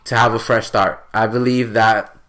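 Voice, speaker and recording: A man's voice: fairly low pitch, flat delivery, normal speed, fairly bright tone. A man in his late twenties from New York, hosting a podcast in a casual, earnest, rambling way with many fillers. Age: 20s. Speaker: podcast host.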